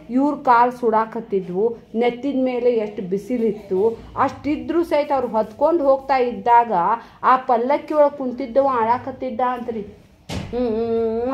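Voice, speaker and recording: A woman giving a devotional talk, telling folksy stories and addressing listeners with "ri". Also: on the high side. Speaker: spiritual speaker. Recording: slightly dull lo-fi recording.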